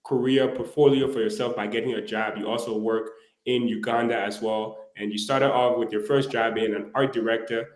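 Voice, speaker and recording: A man's voice: medium pitch, roomy sound, rough recording. A male talk show host interviewing a guest, upbeat and encouraging.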